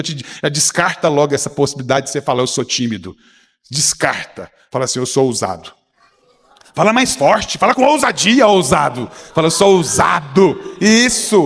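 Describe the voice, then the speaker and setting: Brazilian pastor guy preaching, high lively voice, big echoey church hall. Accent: Brazilian Portuguese. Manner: emphatic, calls on the congregation to repeat after him. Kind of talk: sermon. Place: church sanctuary.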